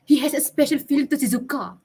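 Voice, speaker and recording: Her voice sits high with a darkish tone, lively intonation, and a quick pace. The student presenter, a woman in her twenties with a Malaysian English accent, chats and giggles through a casual class presentation, dropping in Malay words.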